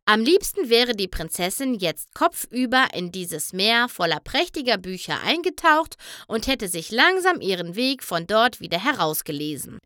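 Woman storybook narrator, lively and bright, dry close sound. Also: medium pitch, moderate pace, few pauses, dry recording. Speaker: audiobook narrator.

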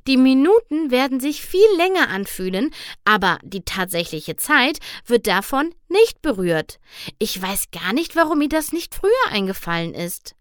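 A woman voicing an eager, studious female pony who bursts with excitement over a new idea. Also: on the high side, smooth, no echo, clean studio sound, pitched above the performer's own voice. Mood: excited. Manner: bright, excited, quick when thrilled. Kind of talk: audiobook character voice.

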